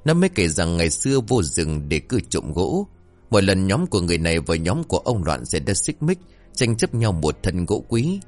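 A man with a deep voice narrating a spooky comic tale. His delivery swings widely in pitch and stays dramatic, with faint music underneath. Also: sing-song, brisk, darkish tone. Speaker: storyteller. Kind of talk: scripted horror-comedy narration.

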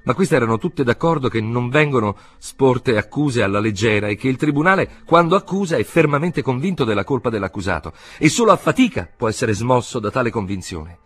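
A man reading an audiobook, voicing an earnest, troubled adult man who speaks in a measured way. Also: medium pitch, expressive, breathy edge, voice pushed up.

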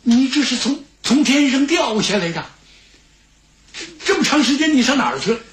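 A man's voice: very high voice, big pitch swings, normal speed, roomy sound, voice pushed up. A man voicing a frail ninety-year-old male house steward in a storytelling broadcast, quavering and bewildered. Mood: astonished.

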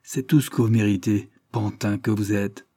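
A man's voice: on the low side, steady tone, normal speed, slightly rough. A man voicing a mocking, domineering male detective who barks curt threats at a crowd. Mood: contemptuous. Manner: sharp, curt and jeering, barking threats.

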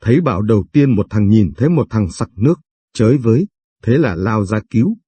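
Male narrator for a somber story read-aloud, low, husky, close and dry. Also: lively intonation, a little fast, warm tone, dry recording.

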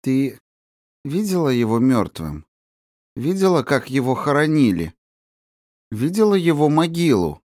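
A man's voice: a little high, animated, normal speed, no echo, studio quality, voice pushed up, lightly acted. A man reading an audiobook voices a cunning woman who coaxes a child with false tenderness. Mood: coaxing. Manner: honeyed, coaxing. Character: sly scheming woman feigning tenderness.

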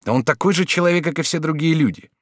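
A man's voice: a little high, quick pace, no room sound, studio quality, voice pushed up, close to an everyday voice. A man voicing a brash, scheming young man who talks in a pushy, impatient way. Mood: insistent.

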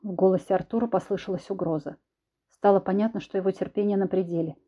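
A woman's voice: medium pitch, quick pace. Woman narrating a dramatic story. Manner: expressive, dramatic reading. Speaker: audiobook narrator. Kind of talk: first-person story narration. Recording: dull lo-fi recording.

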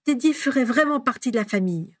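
A woman's voice: a little high, expressive, fast, no echo, recorded from a distance, voice pushed up. A woman voicing a young girl who murmurs with delight, in a dry close recording.

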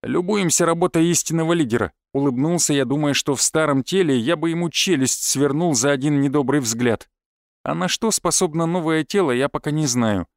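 A man narrating an audiobook in a measured first-person storytelling manner. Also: on the high side, no echo, clean studio sound. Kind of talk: scripted narration.

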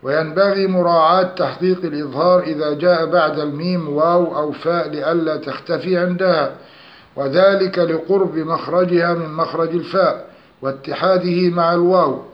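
Man teaching tajweed in an echoey room. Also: steady tone. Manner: measured, slows to recite examples with nasal humming. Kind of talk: scripted lesson reading. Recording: echoey dull low-fi room recording.

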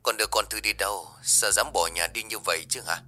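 A man's voice: fairly low pitch, quick pace, sharp tone, soft background music. A man reading a ghost story, voicing an angry, domineering father who scolds curtly. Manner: curt, scolding.

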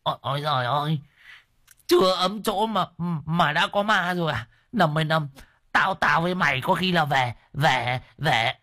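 A man's voice: fairly high pitch, moderate pace, bright, forceful tone, dry recording, studio quality, pitched above the performer's own voice. A man voicing a cowardly old male ghost who stammers and mutters in fright. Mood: frightened.

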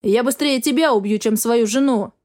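A woman voicing a gruff, quick-tempered dragon husband who barks his lines in an audiobook. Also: on the high side, a little mellow, natural voice. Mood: angry. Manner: barking, gruff. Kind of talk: audiobook character reading.

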